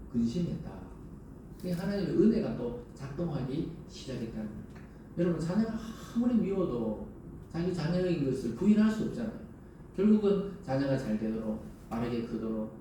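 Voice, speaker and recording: A male pastor delivers a sermon in a mellow, somewhat raised voice. He talks to his congregation conversationally, firing rhetorical questions at them. The sound is distant and drowned in heavy church reverb, with a faint hum underneath. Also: a little high. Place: large church sanctuary.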